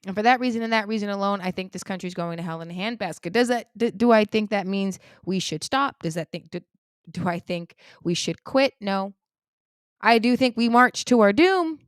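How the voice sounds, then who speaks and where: A woman giving a heated political opinion monologue, indignant, swinging between loud outbursts and low muttering. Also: normal speed, clean tone, no room sound, studio quality. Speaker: political commentator.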